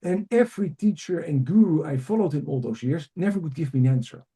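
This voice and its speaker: A leadership coach on a podcast, this middle-aged Amsterdam native speaks Dutch as his first language and carries a Dutch accent as he tells his story conversationally. His voice runs on the high side, brisk and dark-toned, with lively intonation.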